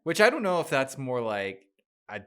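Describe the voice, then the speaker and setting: A young adult man hosting a casual book podcast, chatty and loose, laughing often, his throat dry so he keeps clearing it. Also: medium pitch, sing-song, moderate pace, fairly bright tone. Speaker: podcast host.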